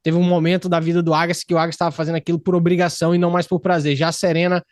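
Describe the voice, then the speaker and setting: A man from Brazil, hosting a podcast studio interview in an excited, slangy, rambling way. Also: a little high, racing, no room sound. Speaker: podcast host. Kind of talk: casual interview chat.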